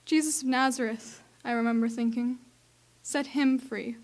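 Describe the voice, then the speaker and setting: A woman's voice: on the high side, fairly even intonation, normal speed, natural voice. A young woman playing an onlooker in the crowd, telling it earnestly. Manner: earnest, shouting at times. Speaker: student actor.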